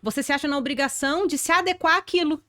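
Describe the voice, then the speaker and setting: A woman's voice: high-pitched, fast talker, sharp tone. A woman from the interior of São Paulo state hosting a podcast, asking long, thoughtful questions with frequent restarts. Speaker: podcast host. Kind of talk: conversational interview.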